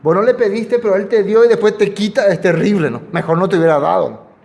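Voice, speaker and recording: A man's voice: sits high, fast talker, gravelly, darkish tone, big-room sound. A man preaching, talking in a conversational way and asking his listeners questions. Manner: conversational, asks the audience questions. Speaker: pastor. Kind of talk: expository sermon.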